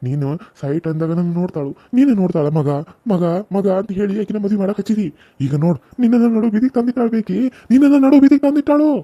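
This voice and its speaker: A man voicing a hot-tempered village husband, scolding gruffly. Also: high voice, fast talker, mellow, no room sound, lo-fi sound. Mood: consoling.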